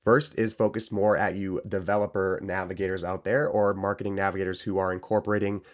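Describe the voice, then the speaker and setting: A man's voice: deep voice, level tone, fairly quick. A man hosting a solo tech podcast, upbeat and explanatory, taking care with a tired voice. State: saving a tired voice. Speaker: podcast host.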